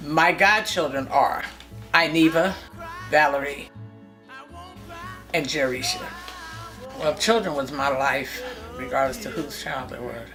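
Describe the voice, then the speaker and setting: Speaking a little slowly and pausing often, a woman in her sixties recalls her family in a deep voice. The Californian interviewee strings together dates and names against a musical background.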